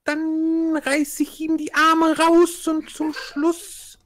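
A woman chats in character during a tabletop game. Her voice is high, and she draws her words out deliberately at a slow pace. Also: level tone. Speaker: tabletop role-play player.

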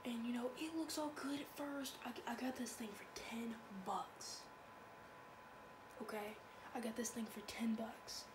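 A woman video blogger browses online at her home computer, chatting casually, rambling, and repeating phrases. Her fairly high voice has fairly even intonation and a measured pace, captured in a noisy amateur home recording.

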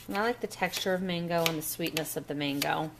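Talking fast in a low voice, this cooking vlogger gives chatty, step-by-step recipe instructions in a casual demo at her home kitchen counter. The camera mic picks up a noisy background.

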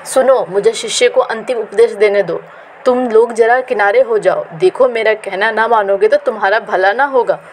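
Woman reading as a calm old holy man. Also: a little high, moderate pace, a little hiss or hum, close to an everyday voice. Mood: stern. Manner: reassuring, stern with guards.

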